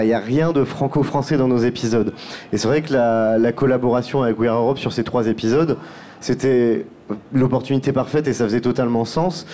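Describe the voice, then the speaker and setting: A man's voice: mid-range voice, dark tone. A man who produces podcasts, talking through his work in a round-table discussion and often restarting his phrases.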